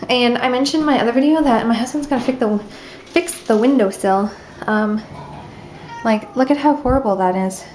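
A woman's voice: fairly high pitch, slight background noise. A young woman casually showing her spare room on a handheld camera, chatty and upbeat, a little out of breath. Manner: chatty, upbeat, lots of fillers. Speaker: vlogger. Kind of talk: casual home tour vlog. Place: spare room upstairs in a house.

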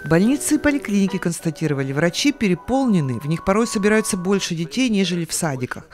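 Brisk female news reporter. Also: medium pitch. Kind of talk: scripted news report voice-over. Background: faint music.

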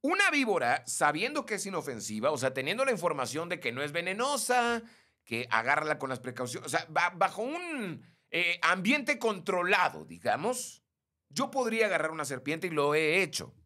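A man's voice: a little high, normal speed. A young Mexican man hosting a casual live stream, reading and greeting viewers by name. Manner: animated, greets viewers by name, mimics shrieks.

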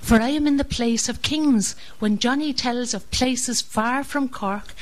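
An Irish woman recites a narrative poem. Her voice sits a little high, and she reads in a measured manner, as if telling a story. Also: low-quality recording. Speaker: poet.

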